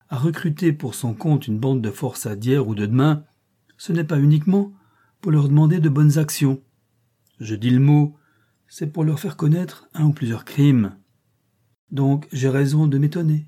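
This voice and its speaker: A man's voice: medium pitch, mellow, slightly rough, lightly acted. A man voicing a cynical, mocking male bandit captain with an ironic manner in an audiobook reading.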